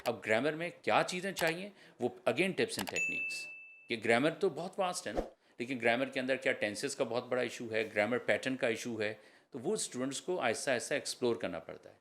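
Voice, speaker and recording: A man speaks as an IELTS trainer on a podcast. He explains step by step at a mid-range pitch and drops English terms in as he goes. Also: expressive, noisy background. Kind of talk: podcast interview answers.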